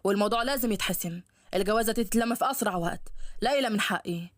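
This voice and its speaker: A woman's voice: medium pitch, fast, no echo, clean studio sound, voice pushed down, natural voice. A woman voicing a pushy, threatening young man who courts a girl against her will, with an Egyptian accent. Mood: menacing. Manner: boastful and threatening. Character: pushy menacing young man, possessive suitor.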